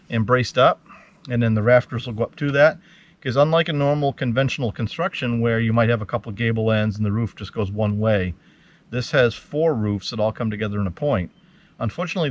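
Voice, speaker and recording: A man hosting a homestead vlog, out of breath and talking casually with lots of fillers as he walks through an outdoor building site. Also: on the low side. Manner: relaxed, rambling, with many fillers. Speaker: homesteader host.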